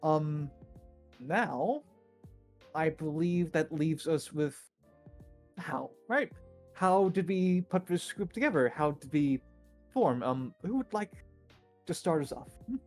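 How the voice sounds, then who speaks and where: A woman's voice: low-pitched, expressive, slow pace, long pauses, a little mellow. A woman casually hosting a group stream, passing questions to the others. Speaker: stream host. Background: background music.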